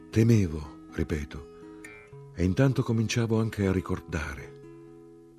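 A man reading a literary novel aloud in an expressive, measured storytelling manner. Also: extremely low pitch. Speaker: reader. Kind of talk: literary audiobook narration.

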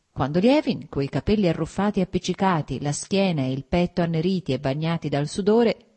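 A woman narrating a classic novel as an audiobook in a measured, even reading. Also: deep voice.

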